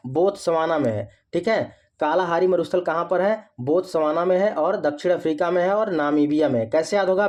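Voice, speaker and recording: A young man with a North Indian accent teaches memory tricks for exams in a fairly high, slightly mellow voice. He keeps posing questions and answering them himself, repeating every point.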